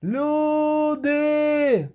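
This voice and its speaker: A man reading an audiobook, voicing a panicked, breathless village shoemaker yelling a warning. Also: extremely high pitch, lively intonation, brisk, highs cut off, pitched above the performer's own voice.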